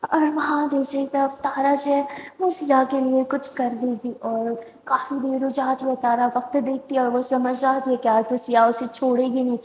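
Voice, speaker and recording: Woman storyteller, chatty narration, high voice, echoey room with long reverb. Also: flat delivery, darkish tone, slight background noise. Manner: chatty, asides to the listener.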